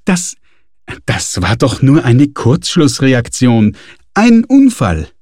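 A man voicing an excitable, eager young woman who pushes her friends along in a story reading. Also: on the low side, measured pace, slightly rough, dry recording, clean studio sound, full character voice. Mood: excited, pleading.

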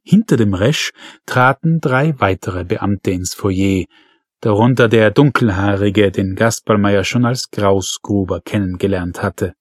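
A man narrating a crime audiobook in a calm, measured, wry manner. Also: lowish voice, dry recording, clean studio sound. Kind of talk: scripted narration.

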